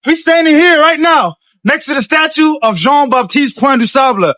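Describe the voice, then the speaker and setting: Bright, high-voiced man declaiming outdoors. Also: expressive, normal speed, dry recording. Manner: rhetorical, declamatory. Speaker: activist speaking at a statue. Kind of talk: rousing outdoor speech. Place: outdoors beside a city statue.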